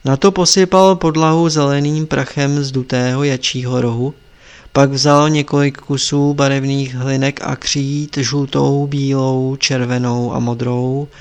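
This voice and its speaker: A man reads an adventure story aloud at a calm, measured pace. His voice sits at a middle pitch, unhurried and steady. He delivers it as scripted audiobook narration. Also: clean tone.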